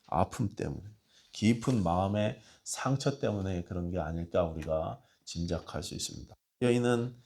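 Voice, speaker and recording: Male pastor, lowish voice, storytelling sermon full of rhetorical questions, hushed-to-raised dynamics. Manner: swings between hushed and raised emphasis.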